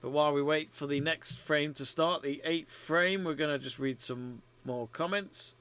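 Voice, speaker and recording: A man hosting a live snooker watch-along, giving measured, conversational play-by-play commentary. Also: a little high, fairly even intonation, a bit bright, smooth.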